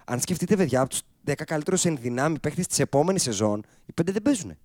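Animated man talking sports. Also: a little high, dry recording, studio quality. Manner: animated, loud outbursts. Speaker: podcast co-host. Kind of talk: casual sports chat.

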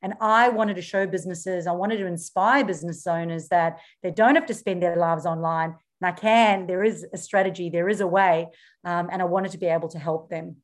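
A middle-aged woman with a South African accent softened by years in Australia, speaking a little low. She explains things earnestly as a podcast guest, stopping now and then on small ums. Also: fairly even intonation, fairly quick. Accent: South African mixed with Australian. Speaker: podcast guest, social media coach. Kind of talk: interview answers.

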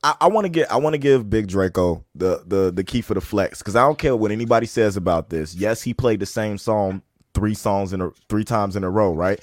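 A man co-hosting a casual podcast, telling stories in an animated way with many restarts. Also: on the low side, a little fast, hardly any pauses, no room sound. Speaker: podcast co-host. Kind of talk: casual chat.

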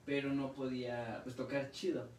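A man's voice: mid-range voice, level tone, normal speed, a little mellow, recorded from a distance, a little hiss or hum. Mexican guy, casual slangy podcast chat, lots of cussing, off-mic in an echoey room. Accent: Mexican Spanish. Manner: slangy, swears freely, retells stories with restarts.

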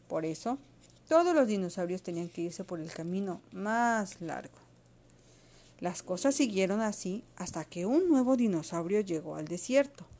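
A woman reading a children's storybook aloud to a child, expressive and patient. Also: mid-range voice, normal speed.

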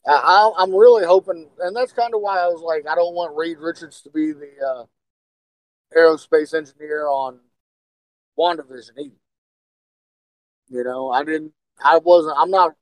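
Man, high voice, dry close sound, eager, speculative, repeats words, casual podcast chat. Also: dry recording, low-quality recording. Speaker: podcast co-host.

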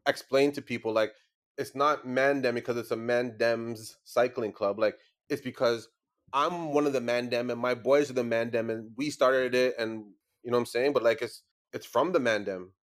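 A man's voice: mid-range voice, steady tone, moderate pace. A man chatting casually as a podcast guest, using street slang and repeating himself for emphasis. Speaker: podcast guest, cycling club founder. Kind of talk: casual chat.

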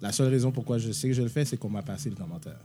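A man's voice: mid-range voice, rapid-fire, over music. A man from Quebec on a casual podcast, talking hesitantly with restarts and stammers.

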